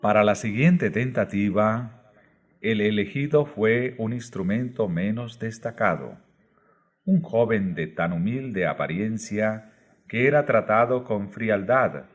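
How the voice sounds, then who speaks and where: A man narrating a religious book aloud, reading in slow, measured short phrases. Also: on the low side. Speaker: audiobook narrator.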